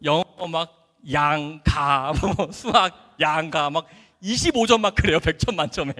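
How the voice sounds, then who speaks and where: A man who is a doctor giving an animated church testimony, acting out dialogue and laughing often as he tells his story. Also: on the high side, unhurried. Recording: echoey hall.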